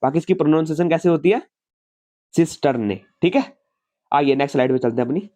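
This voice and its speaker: Chatty man teaching with quick self-answered questions. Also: fairly high pitch, warm tone. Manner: asks students questions and answers them himself, chatty and repetitive; uses homely family stories as examples. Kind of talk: casual classroom lecture.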